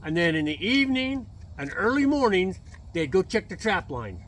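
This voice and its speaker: Guy spinning a campfire story, kinda high sharp voice, real folksy and casual, bit of noise behind. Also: sing-song, moderate pace. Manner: fireside storytelling, folksy and colloquial. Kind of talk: casual unscripted storytelling with a partner.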